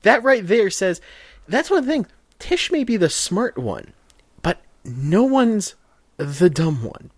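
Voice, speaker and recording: A man's voice: sits high, sing-song, takes it slowly, no room sound. A man co-hosting a podcast, chatting casually and enthusiastically, analytical and prone to restarts. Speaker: podcast co-host. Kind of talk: casual chat reviewing a cartoon.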